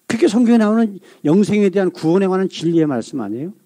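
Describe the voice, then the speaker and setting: A male pastor delivering a sermon, asking the congregation rhetorical questions and reading scripture aloud slowly. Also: high voice, lively intonation, warm tone.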